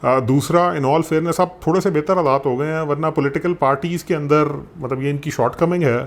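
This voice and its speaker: A man with a Pakistani Urdu accent explaining economics in a conversational way, animated and sprinkling in English phrases. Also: a little high, moderate pace. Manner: animated, mixes English phrases, frequent fillers. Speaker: economics commentator.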